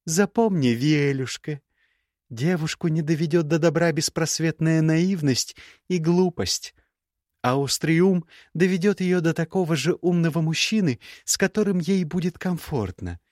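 A man reading an audiobook voices a sharp-tongued, sarcastic young woman mage in a high, mocking tone. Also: measured pace, no room sound, studio quality, close to an everyday voice. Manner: cutting, mocking, icy sarcasm. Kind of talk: audiobook character voice.

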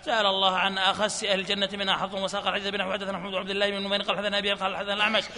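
Fast high-voiced man reciting hadith. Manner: reads fast in a flat chant, laughs softly at times. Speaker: hadith reader. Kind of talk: rapid recitation of hadith chains. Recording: reverberant hall with faint noise.

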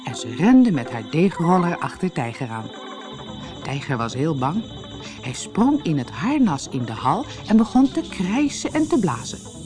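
Woman storyteller reading a fairy tale, low voice that swoops widely, faint music behind. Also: a little slow. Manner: lively, expressive. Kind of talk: audiobook fairy tale narration.

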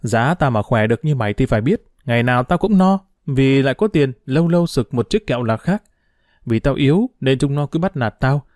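A man voicing a scrappy, cheeky street urchin boy in an audiobook, talking fast and boastfully. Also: medium pitch, animated, darkish tone, no echo, clean studio sound, natural voice. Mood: cocky. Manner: boastful, quick, teasing. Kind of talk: audiobook character voice.

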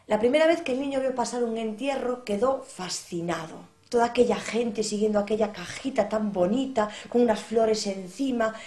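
A woman from Portugal telling a folk tale aloud in a lively, dramatic way. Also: fairly high pitch, moderate pace, hardly any pauses. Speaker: storyteller. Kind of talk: oral storytelling. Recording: echoey room.

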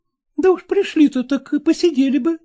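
A man voicing a sly, coaxing housekeeper woman in a chattering falsetto for an audiobook. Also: a little fast, mellow. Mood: scolding. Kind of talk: audiobook character voice.

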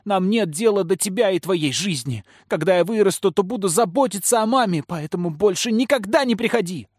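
A guy doing a high-voiced stubborn little boy, crying and yelling, dry audiobook sound. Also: lively intonation, fairly quick, dry recording. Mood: defiant. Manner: shouting, pleading. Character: defiant young boy, tearful and stubborn.

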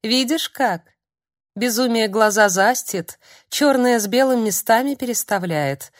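A woman's voice: fairly high pitch, unhurried, no echo, clean studio sound, pitched above the performer's own voice, natural voice. Woman voicing a cooing madwoman seer. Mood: eerie. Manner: cooing, singsong murmuring. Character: strange young village madwoman, tender, uncanny seer.

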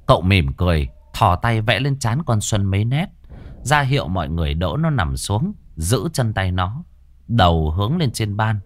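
A man's voice: lowish voice, very animated, moderate pace, no room sound. A man telling a ghost story in a dramatic, suspenseful way.

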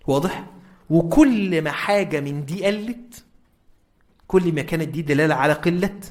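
A man with an Egyptian accent giving an informal religious lecture, checking in with his listeners often. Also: a little high. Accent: Egyptian Arabic.

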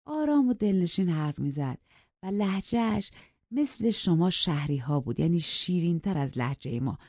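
A woman narrates a classic novel in a measured, even storytelling voice pitched on the low side. The sound is dry and close, a little dull and lo-fi. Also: no echo. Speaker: audiobook narrator.

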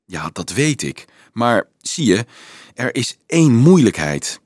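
An earnest teenage boy addressing a crowd of children, halting at first and then pressing and eager, as a man reads him aloud. His delivery rises and falls in a lively way. The storybook recording is dry and close. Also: medium pitch, no echo. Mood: hesitant. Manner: hesitant, then urgent and explaining. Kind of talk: audiobook reading.

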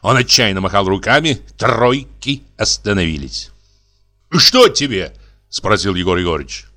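A man reading a classic story aloud in an expressive audiobook style. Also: on the low side, moderate pace, faint music behind. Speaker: narrator.

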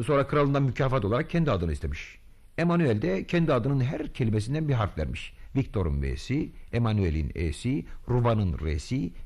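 A man acting a vain, boastful would-be freedom hero in a radio drama, telling his deeds grandly and muttering to himself. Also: mid-range voice. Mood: musing. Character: boastful self-styled male freedom hero, pompous, vain.

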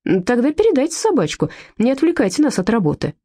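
A woman's voice: fairly high pitch, sing-song, fast, warm tone, pitched above the performer's own voice. A woman doing a bored police lieutenant. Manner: bored, offhand, official. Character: lazy indifferent male police lieutenant.

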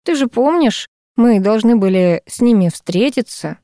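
A woman's voice: a little high, expressive, unhurried, dark tone, no room sound, studio quality, voice pushed up. A woman reading the lines of a young male footballer who coaxes and pleads with his ex-fiancée, in a story read aloud. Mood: pleading. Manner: coaxing, pleading.

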